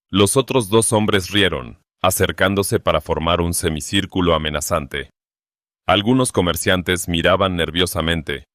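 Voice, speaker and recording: A man giving a scripted, steady and dramatic narration of a western story. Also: low voice, dry recording, studio quality.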